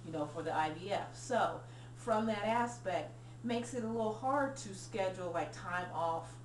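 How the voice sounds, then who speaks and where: A woman's voice: mid-range voice, normal speed, echoey room, distant mic, a little hiss or hum, low-quality recording. A woman, a nurse talking earnestly through a personal video diary with frequent ums. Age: 40s. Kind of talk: casual personal vlog.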